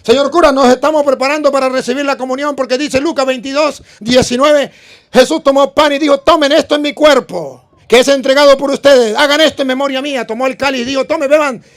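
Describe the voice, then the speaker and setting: A man voicing an eager young boy who loudly recites Bible verses, with excited high shouting. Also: brisk.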